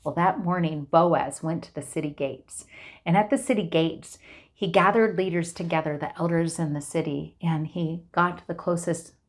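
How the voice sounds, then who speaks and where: A woman's voice: lowish voice, moderate pace. A woman retelling a Bible story in a casual, conversational way, often starting with "well".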